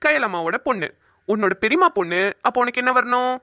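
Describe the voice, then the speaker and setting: A woman doing a silly excitable cartoon husband. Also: fairly high pitch, quick pace, dry recording, studio quality. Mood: comic. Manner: excitable, rambling comic delivery. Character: silly talkative young husband, easily confused. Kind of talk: cartoon voice acting.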